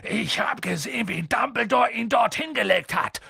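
A man reading an audiobook and voicing a huge, hot-tempered but kind male giant who swings between hushed whispers and booming shouts. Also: sing-song, unhurried, vocal fry, breathy edge, no room sound, heavily acted. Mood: indignant.

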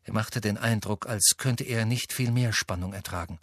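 Husky male audiobook narrator. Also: on the low side, normal speed, a bit bright, dry recording. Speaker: audiobook reader. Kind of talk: scripted narration.

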